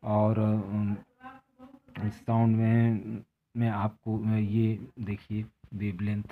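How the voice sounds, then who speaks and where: A man teaching a school science chapter from a textbook, talking in a rambling way with frequent pauses and restarts. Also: fairly low pitch. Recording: tinny phone-like recording, faint noise.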